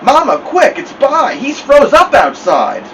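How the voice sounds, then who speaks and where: A kid brother yells at his family in a raised, lively voice, as a man reading aloud puts him on. The voice jumps around in pitch. It is heard from across a room, with an air conditioner humming under it. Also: unhurried, recorded from a distance, slight background noise, rough recording. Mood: frantic. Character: bold boy, younger brother.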